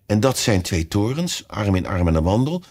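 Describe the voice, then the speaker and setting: A man's voice: fairly low pitch, big pitch swings, normal speed, darkish tone. A man voicing a curious, polite young girl in a storybook reading. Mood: hushed.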